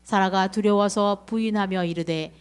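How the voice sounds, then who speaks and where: Woman reading scripture smoothly. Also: medium pitch, fairly even intonation, moderate pace. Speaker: scripture reader. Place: church sanctuary.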